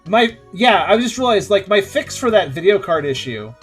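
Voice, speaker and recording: A man's voice: high-pitched, very animated, moderate pace. A man hosting a gaming video with casual let's-play commentary and wry, joking asides. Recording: light game music behind.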